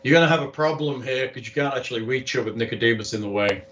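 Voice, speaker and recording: Casual male game master, mid-pitched, explaining moves and rules at the table. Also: quick pace, a bit bright, muffled recording, slight background noise.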